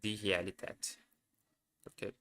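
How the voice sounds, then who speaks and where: A deep-voiced man talks a little slowly with little pitch movement as he thinks aloud during a live language study session. A native Portuguese speaker, he hesitates and corrects himself as he goes.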